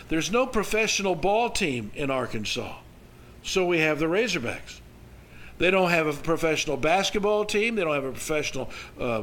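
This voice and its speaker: A man speaks as a preacher telling a story. His voice is slightly high and clearly bright and forceful. The delivery is folksy and animated, with halting restarts as he works through each thought. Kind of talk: sermon storytelling, conversational.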